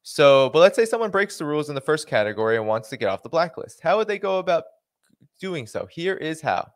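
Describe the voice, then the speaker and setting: A man with a Boston accent hosts a livestream, reading a policy document aloud and breaking off for dry, sarcastic asides. His voice is a little high and sing-song, his pace a little fast, and there's no echo.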